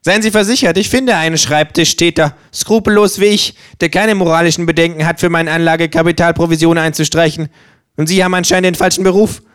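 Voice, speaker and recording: A man's voice: fairly high pitch, fairly even intonation, fast, fairly bright tone, clear, resonant tone, pitched above the performer's own voice, close to an everyday voice. A man reading aloud, voicing a cynical, mocking male kangaroo who talks in a sarcastic, provocative way. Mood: cold, cutting. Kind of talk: reading aloud with character voices.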